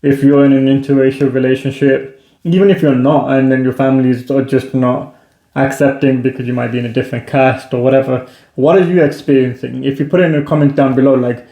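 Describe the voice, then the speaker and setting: A man's voice: mid-range voice, fairly even intonation, fairly quick. A man co-hosting a vlog in casual conversation, earnest and often checking that the listener understands. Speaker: co-host of a couple's vlog. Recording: echoey room, slightly dull sound.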